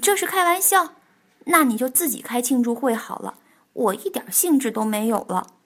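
A woman voicing a big, timid female rabbit in a children's storybook, with a raised, excitable voice. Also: a little slow. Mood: indignant. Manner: high, excitable, easily flustered.

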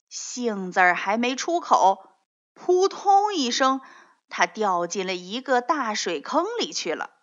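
A woman narrating a children's story in a slow, expressive, animated way. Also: medium pitch. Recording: dull lo-fi recording.

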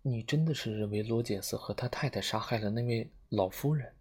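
A man's voice: mid-range voice, expressive, a little mellow, breathy edge. A man reading an audiobook, voicing a nervous young man who stammers and loses his composure. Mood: anxious. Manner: stammering, halting, rising panic.

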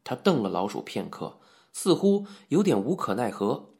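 A man's voice: medium pitch, very animated, normal speed, vocal fry, darkish tone. A man narrating a novel as an audiobook, telling the story expressively. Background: faint music.

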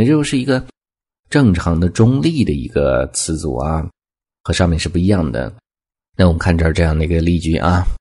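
Deep husky guy teaching english phrases, slows way down to model each one. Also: darkish tone. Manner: explains step by step, slowing down to model each phrase. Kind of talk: language lesson explaining phrases.

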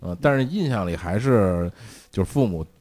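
A man with a low voice and a Beijing accent chats casually, telling stories from his own life. His intonation swings widely, and he acts out quoted lines in a colloquial way. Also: animated, normal speed, over a noisy crowd. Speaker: podcast speaker telling personal stories. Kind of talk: casual storytelling chat.

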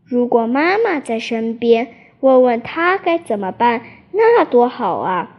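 A woman's voice: on the high side, very animated, a little slow, muffled recording, exaggerated voice. A woman voicing an eager, timid young colt, childlike and hesitant. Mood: worried.

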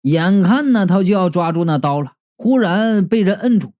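A man narrating a comedic novel in the first person, telling the story in a lively, expressive way. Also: high-pitched, normal speed. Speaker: audiobook narrator.

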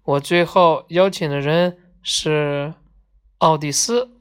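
Slow, gentle woman storyteller. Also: low-pitched, clean tone. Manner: slow, gentle, acts out each character's lines. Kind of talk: reading a children's book aloud.

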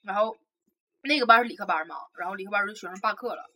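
A young woman with a Northeastern Chinese accent, co-hosting a podcast and telling animated gossip about her school days. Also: mid-range voice, rapid-fire. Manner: animated gossiping, acts out voices. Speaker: podcast co-host. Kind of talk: casual storytelling chat.

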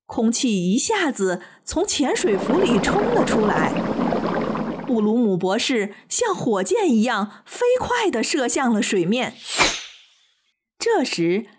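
A woman narrating a children's storybook in an animated, expressive way. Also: on the high side, takes it slowly. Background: children's music.

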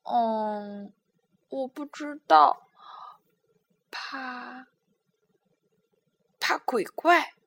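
A woman's voice: high-pitched, extremely slow, creaky, long pauses, fairly bright tone, full character voice. A woman voicing a timid, furry little monster boy with fangs in a bedtime storybook, speaking shyly and hesitantly with stammers.

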